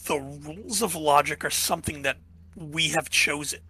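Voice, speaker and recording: A man with a fairly high, pushed and bright voice co-hosts a podcast at a moderate pace, musing on philosophy in casual chat. He keeps checking in with "right?" and is losing his voice.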